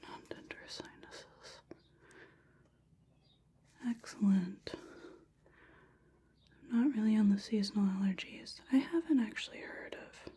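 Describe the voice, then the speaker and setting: Woman, whispered role-play as a small-town clinic examiner. Unhurried, mellow and breathy, folksy and chatty. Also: fairly high pitch.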